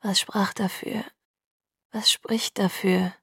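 A woman voicing a brooding young male vampire in a whispered role-play, speaking slowly, low and earnest. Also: flat delivery, vocal fry, slightly rough, no echo, studio quality. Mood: hushed earnest. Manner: hushed, low, slow and earnest.

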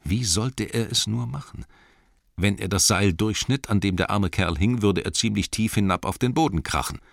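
Deep-voiced man reading a storybook. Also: normal speed, vocal fry, no echo, studio quality. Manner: expressive, lively, asides to listeners. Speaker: audiobook narrator. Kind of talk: storybook narration.

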